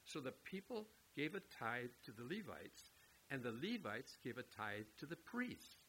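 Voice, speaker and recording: A male preacher teaching through scripture in a sermon, his mid-pitched voice swinging widely up and down as he presses his points. He repeats words for emphasis and turns to ask his listeners questions directly. A faint hiss runs beneath the recording. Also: sing-song, moderate pace, fairly bright tone, rough recording. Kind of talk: sermon, verse-by-verse Bible teaching.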